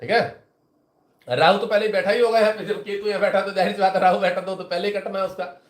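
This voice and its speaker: A man's voice: high-pitched, steady tone, quick pace, echoey room. A man, an astrologer and teacher, talking casually to his viewers in a rambling, chatty way and retelling conversations with his students.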